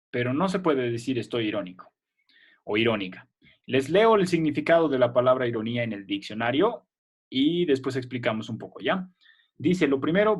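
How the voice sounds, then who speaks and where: A man's voice: medium pitch, breathy edge. A male teacher leads a remote lesson for children, his voice sitting in an ordinary middle range. He explains patiently step by step and keeps checking that the class is following.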